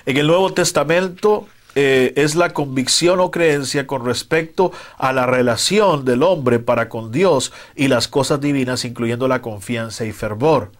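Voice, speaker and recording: A man's voice: medium pitch, unhurried, hardly any pauses. A man preaching a sermon in a fervent, emphatic way, with some hesitant fillers between his points. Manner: fervent, rising to loud emphatic retellings.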